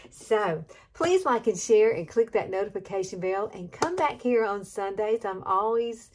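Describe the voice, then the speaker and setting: A woman's voice: mid-range voice, expressive, measured pace, slight background noise. A woman in her late fifties from Alabama with a Southern accent, chatting through a hair tutorial in a gushing, folksy way. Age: 50s. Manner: gushing, chatty, drawling with laughs. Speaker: beauty vlogger. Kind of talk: casual hair tutorial chat.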